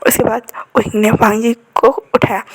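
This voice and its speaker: A woman retells a story in a chatty, conversational manner, often turning to address her listeners directly. Her voice sits a little high. She keeps her retelling informal and unpolished. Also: moderate pace. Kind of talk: casual fan-fiction retelling.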